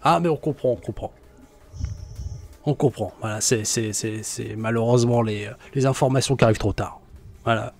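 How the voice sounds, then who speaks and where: Un homme jouant un mécano bluffeur et beau parleur. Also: male voice, medium pitch, normal speed, a little mellow, close to an everyday voice. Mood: glibly reassuring. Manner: glib, repetitive, salesman-like patter. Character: bluffing, reassuring male mechanic boasting of his upgrades.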